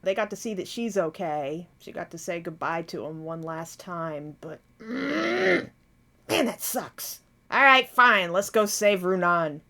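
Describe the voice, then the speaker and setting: A woman's voice: lowish voice, a little slow, few pauses, bright, forceful tone. A woman hosting a reaction video, talking casually and expressively, with frequent exclamations and swearing.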